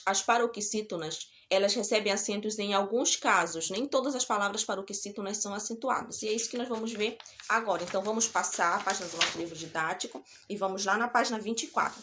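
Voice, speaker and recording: A woman's voice: medium pitch, a bit bright. A woman teacher, giving a recorded lesson and patiently checking in with her students. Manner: patient, checks in often with the class.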